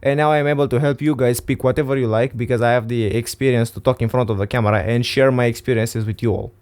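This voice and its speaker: Recorded through a studio XLR mic, a teen vlogger from Romania gives sincere career advice to his viewers in English, his second language, in a casual style. The voice, described as a man's, is medium-pitched, steady, clear, darkish, and resonant, and he talks fast.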